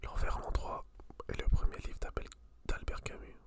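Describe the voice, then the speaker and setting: A person whispering in a hushed library whisper, chatting casually about books and reading aloud in an intimate ASMR style. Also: normal speed. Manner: informal, slangy. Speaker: host reviewing books.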